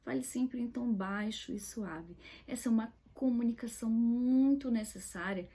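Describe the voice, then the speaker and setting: A woman's voice: a little high, moderate pace, mellow, husky. A woman giving an earnest teaching talk, stressing key words and dropping to a whisper now and then. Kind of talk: direct-to-camera teaching talk.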